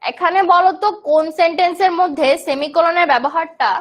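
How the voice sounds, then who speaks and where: This is a young Bangladeshi woman leading a live English grammar lesson online, speaking briskly in a clear, high voice. She reads incoming student comments aloud and answers them, patiently explaining every term in Bengali.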